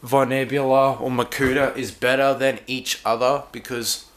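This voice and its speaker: A man giving a casual hands-on toy review in a dim room, talking in a rambling, halting way with many restarts. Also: mid-range voice, flat delivery, fairly bright tone.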